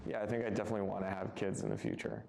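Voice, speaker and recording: A man's voice: deep voice, very animated, rapid-fire, creaky, noisy background. A twenty-one-year-old man answering interview questions in an easygoing, confident way.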